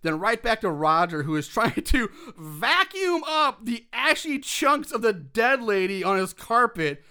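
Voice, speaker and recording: A man's voice: high voice, very animated, a little slow, pushed and bright, clean tone. A man co-hosting a casual podcast, recapping a movie scene by scene, chatty and swearing, with frequent laughs.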